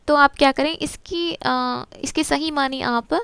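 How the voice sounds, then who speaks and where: This is a woman teaching a grammar lesson from a textbook, her voice pitched high and recorded close with no room sound. She asks each question and then answers it herself, patiently, and mixes English words into her Urdu. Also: steady tone, gravelly, fairly bright tone, dry recording. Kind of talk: explaining a textbook to students.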